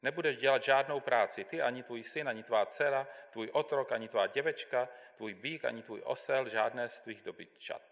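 A man giving a measured, deliberate Bible reading as a scripture reader in a church. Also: medium pitch, a bit bright. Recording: long hall reverb.

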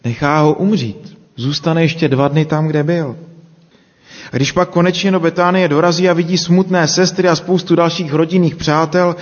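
A man with a fairly high voice reads scripture and then preaches in a measured, unhurried manner, stopping for rhetorical questions. His voice rings with the long reverb of a church hall. The recording sounds dull and lo-fi. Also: fairly even intonation. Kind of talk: scripture reading then sermon.

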